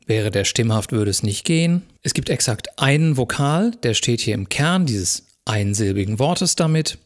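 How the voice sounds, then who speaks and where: A calm male lecturer walks his viewers through exam questions one step at a time. His voice sits at an ordinary middle pitch, and his delivery is measured and methodical, like a recorded university lesson.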